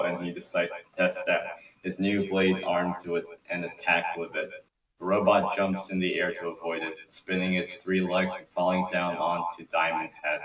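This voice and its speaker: Reading a script aloud at a casual table read, a man with a low, slightly bright voice speaks informally, swears, and trips over his words. The distant mic picks up an echoey room and background noise.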